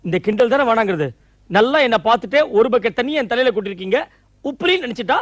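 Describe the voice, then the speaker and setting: An actor playing a flustered young husband and new father, firing off quick puns and exasperated complaints in a stage comedy. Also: extremely high pitch, animated. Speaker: lead comic actor. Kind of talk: Tamil stage comedy acting.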